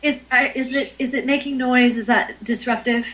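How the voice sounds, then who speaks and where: A woman's voice: high voice, steady tone, normal speed, fairly bright tone, poor audio. A woman being interviewed as a Reiki healer, talking in a hesitant way with many ums and restarts. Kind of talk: conversational interview.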